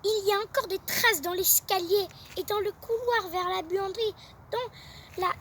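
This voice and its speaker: A young woman reading a children's bedtime story aloud, with a lively read-aloud manner. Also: very high voice, normal speed, recorded from a distance, a little hiss or hum.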